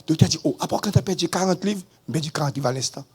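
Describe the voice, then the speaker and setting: A man with a Haitian accent, a pastor giving a testimony in a sermon, swinging between low murmurs and sudden high shouts. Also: fast, husky.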